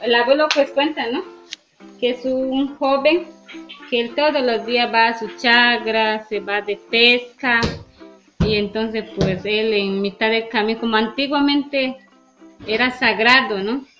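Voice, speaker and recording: Woman, teacher, oral storyteller, unhurried, questioning tags, music playing behind. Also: a little high, fairly even intonation, fairly bright tone. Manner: unhurried, with frequent "¿no?" tags and fillers. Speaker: community preschool teacher. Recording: dull lo-fi radio sound with music.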